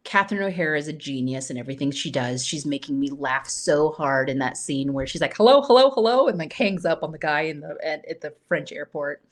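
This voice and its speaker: A woman's voice: sits low, a little fast, hardly any pauses. A woman in her forties, a humor writer, telling comic stories and acting out the voices of the people in them. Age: 40s. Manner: lively comic storyteller acting out quoted voices. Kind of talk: animated storytelling.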